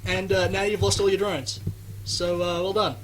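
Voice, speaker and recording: Higher-voiced man casting a game, sarcastic. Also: moderate pace, a little hiss or hum, rough recording. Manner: chatty, sarcastic, gets loud and excited in fights. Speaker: game commentator. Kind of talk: live esports commentary.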